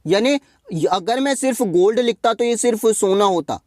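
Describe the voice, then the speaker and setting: A man teaching an English grammar lesson for exam preparation, asking questions and answering them himself, repeating key points and reading example sentences slowly. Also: high-pitched, darkish tone, no echo, clean studio sound.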